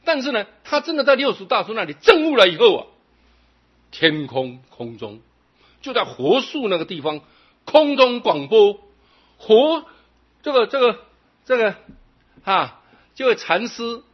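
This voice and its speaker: A man giving a Buddhist sermon to a live audience. He talks in a lively, conversational way and slows down for drawn-out scripture recitation. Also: very high voice. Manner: animated and conversational, often adding "对不对". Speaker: Buddhist dharma teacher. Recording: dull lo-fi recording.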